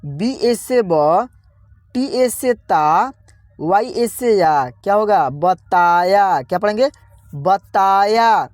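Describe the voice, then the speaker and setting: A man teaching beginners online, spelling out words slowly and repeatedly asking viewers how to read them, calling them friends. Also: high voice, expressive, darkish tone, no echo, clean studio sound. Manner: slow, repetitive spelling-out, constantly quizzing viewers. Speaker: English teacher. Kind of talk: online beginner lesson, reading words aloud.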